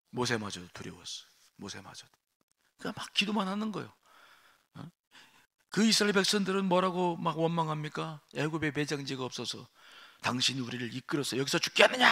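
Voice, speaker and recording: A male pastor preaches a sermon at an early-morning prayer service in a fairly high, ringing voice. His delivery is emphatic and full of movement, dropping to quiet asides and then rising to forceful outbursts. He keeps asking the congregation rhetorical questions. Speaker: senior pastor.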